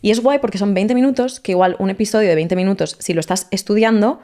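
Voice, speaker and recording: A woman speaks in a podcast interview as a language teacher. She explains at length and with energy, dropping English words into her sentences. Her voice sits at an ordinary middle pitch. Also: quick pace, warm tone. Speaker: language teacher, guest expert.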